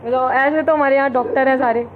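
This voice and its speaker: This vlogger has a high-pitched voice, a quick pace and fairly even intonation as she chats to camera at home while sick with a fever, addressing her viewers directly. The camera sits in front of her, and the echoey room makes the recording dull and noisy.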